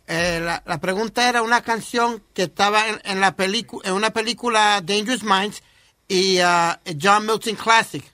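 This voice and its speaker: A man's voice: sits high, normal speed, pushed and bright, no echo. A man co-hosting a talk show, hurriedly recounting a news item in casual chat, tripping over words and mixing in English. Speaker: co-host.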